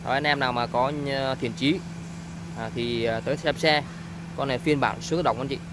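A man's voice: mid-range voice, fairly even intonation, normal speed. Man selling a car, faint outdoor noise. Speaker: used-car seller presenting a car. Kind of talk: informal sales walkaround narration. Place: outdoors on a street beside a car. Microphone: handheld camera, speaker behind it.

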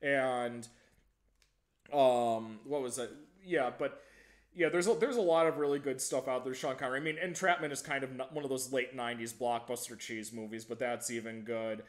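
A man's voice: mid-range voice, steady tone, moderate pace. A man hosting a casual movie review podcast, rambling with frequent stammered restarts and easy laughter. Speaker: podcast host.

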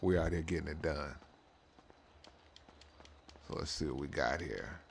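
A man with a very deep, gravelly voice streams a drag racing game, offering laid-back, slangy running commentary mostly to himself at a slightly slow pace. Loud car and engine sounds from the game fill the background.

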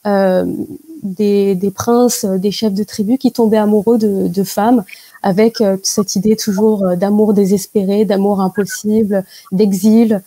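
A young woman answering interview questions over a video call, explaining carefully with many pauses and fillers. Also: medium pitch, steady tone, warm tone, no echo, rough recording. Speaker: guest. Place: indoor room at home. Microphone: video call with wired earphone mic.

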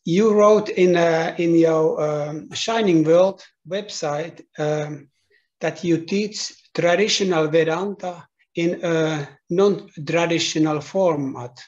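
Hosting his channel's interview by video call, a middle-aged man from Finland whose first language is Finnish asks his questions with careful hesitation. He speaks slowly in a slightly high voice with a darkish tone, and the sound is lo-fi.

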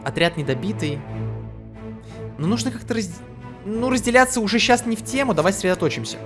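Over game music, a man with a high voice hosts a let's play, reading the on-screen text aloud and reacting in loose slang. His casual commentary is animated and a little fast.

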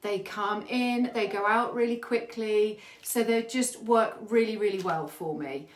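A woman's voice: medium pitch, unhurried. A British woman hosting a live furniture-painting stream, out of breath and chatty, greeting her viewers by name. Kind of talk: live demo chat with viewers. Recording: echoey room.

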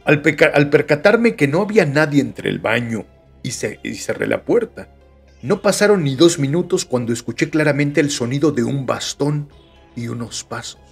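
A man's voice: fairly high pitch, lively intonation, normal speed, vocal fry, husky, soft background music. A man with a Mexican Spanish accent, hosting a podcast, reading listener stories aloud with chatty joking asides. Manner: chatty, joking asides between read passages. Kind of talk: casual storytelling reading.

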